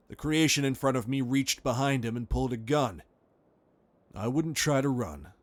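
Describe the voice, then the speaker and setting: A man reading a first-person horror story aloud in a tense, dramatic way. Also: medium pitch. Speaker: narrator. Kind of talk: scripted horror narration.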